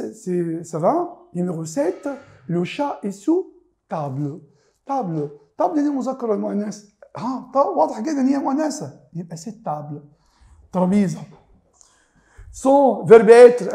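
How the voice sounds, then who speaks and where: A man's voice: high-pitched, warm tone. Egyptian man teaching in an echoey room. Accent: Egyptian Arabic. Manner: asks rhetorical questions and answers them himself, repeating key words. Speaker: French teacher. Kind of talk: classroom explanation.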